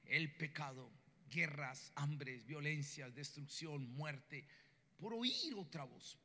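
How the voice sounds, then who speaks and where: A man preaching a sermon, telling Bible stories in an animated way and acting out the dialogue in voices. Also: fairly high pitch, slow. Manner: animated storytelling, acts out biblical dialogue in voices. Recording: reverberant hall.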